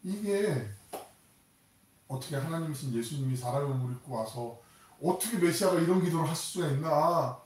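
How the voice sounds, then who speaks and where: An older man from Korea preaching a Sunday sermon as pastor, animated and dramatic, acting out prayers and voices as he speaks. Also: a little fast. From South Korea. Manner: animated, acts out quoted prayers and taunts with rising pitch and force. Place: church sanctuary. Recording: echoey church hall, voice from a distance.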